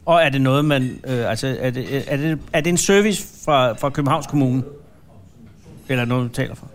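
Dry, teasing Danish-raised man. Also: medium pitch. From Denmark. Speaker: podcast co-host. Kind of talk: casual comedic chat.

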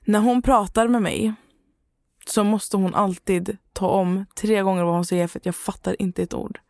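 A young woman co-hosting a podcast, talking bluntly in casual, halting chat full of restarts. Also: mid-range voice, steady tone, a little mellow, dry recording, studio quality. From Skövde, Sweden. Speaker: podcast co-host.

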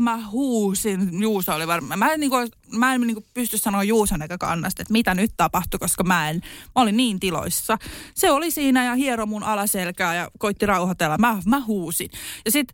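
A woman's voice: a little high, no room sound, studio quality. A young woman on a podcast telling her own story in casual chat, candid, laughing often and swearing freely.

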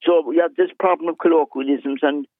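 A man's voice: a little high, fairly even intonation, fairly quick, no room sound. A man with a Cork Irish accent calling a radio phone-in, explaining his opinion conversationally and articulately over the phone. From Cork, Ireland. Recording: phone line to radio show.

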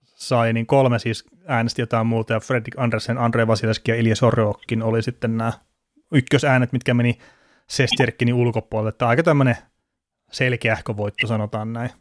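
A man's voice: medium pitch, flat delivery, no echo, clean studio sound. A man hosting a casual sports podcast, chatty and rambling, laughing now and then. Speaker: podcast host.

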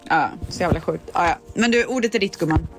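A young woman chatting casually as a podcast co-host, telling a story with lively acted-out voices and frequent laughter. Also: lowish voice, over music. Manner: animated storyteller, acts out voices, laughs often. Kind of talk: casual chat.

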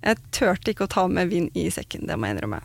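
A woman's voice: on the low side, sing-song, creaky. A woman telling a personal story in casual chat, candid and blunt, swearing freely.

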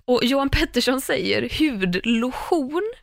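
High-voiced woman telling a story. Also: no echo, clean studio sound. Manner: animated storyteller, many fillers and restarts. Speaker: podcast host. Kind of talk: casual chat, storytelling.

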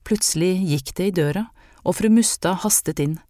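A storyteller reading an audiobook with calm, measured pacing. The voice sits at a middle pitch. The recording is close and dry, with no room echo. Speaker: narrator. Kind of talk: scripted audiobook narration.

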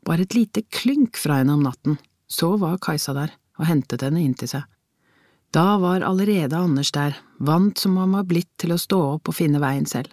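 A reader narrating a crime novel as an audiobook, in measured storytelling with tense inner questions. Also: mid-range voice, a little mellow, no echo, clean studio sound.

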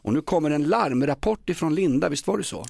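A man trades teasing jokes on a morning radio show, his voice slightly high and bouncing through a wide range. The studio sound is close and dry. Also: animated, vocal fry, darkish tone, no echo. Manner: jokey, teasing banter. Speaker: radio host. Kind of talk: casual morning radio chat.

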